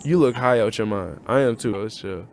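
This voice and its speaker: A man's voice: on the low side, normal speed, background noise. A young man hosting a stream, teasing and roasting strangers in casual video chat banter. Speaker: streamer host. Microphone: desk microphone.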